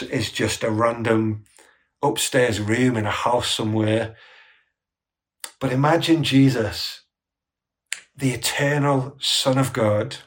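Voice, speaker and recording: A man preaching a sermon, telling the story vividly and asking his listeners rhetorical questions. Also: mid-range voice. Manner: storytelling, inviting listeners to imagine; asks the congregation rhetorical questions.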